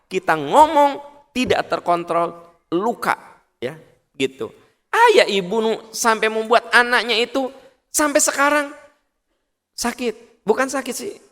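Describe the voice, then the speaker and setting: A middle-aged man with a Sundanese accent preaching a mosque sermon in an animated way, slipping into high voices for quoted family members. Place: large mosque hall. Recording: long hall reverb.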